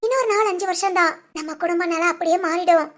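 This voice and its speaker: A woman voicing an earnest young woman in love, soft and a little worried. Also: extremely high pitch, fast. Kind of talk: storybook voice acting.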